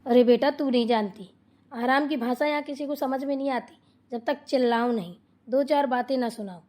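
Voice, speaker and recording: A woman voicing a loud, nagging older mother-in-law in a cartoon, scolding and complaining. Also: high voice, normal speed, lightly acted. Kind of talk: cartoon voice acting.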